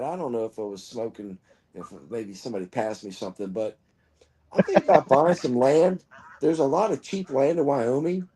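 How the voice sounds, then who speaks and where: A man's voice: mid-range voice, warm tone, breathy edge. A man in his fifties hosting a casual live-stream chat, rambling through stories and chuckling often. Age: 50s.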